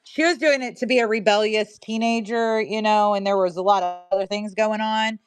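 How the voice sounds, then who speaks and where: A woman's voice: medium pitch, steady tone, fairly quick, clear, resonant tone, dry recording, soft background music. A middle-aged woman with a Missouri accent, casually telling a rambling story while selling items on a livestream. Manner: chatty, rambling, reads viewer comments aloud. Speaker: livestream seller.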